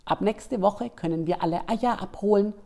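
A man voicing a scheming, excitable male Easter bunny who plots in a conspiratorial way. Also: high-pitched, normal speed, vocal fry, pitched above the performer's own voice. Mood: gleeful. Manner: gleeful, plotting.

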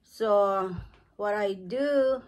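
Woman in her seventies, home vlogger, very slow and halting, reaching for words as she goes. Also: medium pitch, a little mellow. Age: 70s. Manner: slow, searching for words, non-native phrasing. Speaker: craft and beauty vlogger. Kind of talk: unscripted home tutorial. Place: cluttered living room at home.

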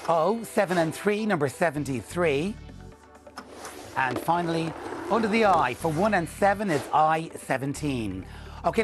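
A middle-aged man hosts a televised numbers game in a fairly high male voice. He delivers scripted links and calls with clear, measured upbeat presentation. Music plays clearly behind him. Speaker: TV bingo presenter. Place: TV studio. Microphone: lapel mic.

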